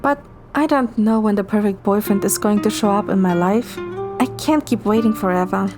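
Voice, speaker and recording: A young woman with a mid-range voice speaks at a normal speed, narrating a romantic story in the first person and acting out the dialogue. She's an amateur narrator and voice actor, and music plays behind her.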